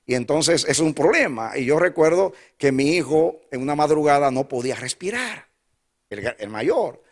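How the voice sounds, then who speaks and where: A man's voice: on the high side, expressive, moderate pace. Older male pastor, emphatic sermon. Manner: emphatic preaching with repetitions and sudden drops to soft asides.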